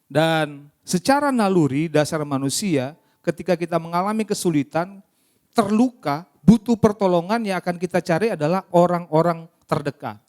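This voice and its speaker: A male pastor preaching a lively, interactive sermon, often putting questions to the congregation. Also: high voice, normal speed. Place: church service.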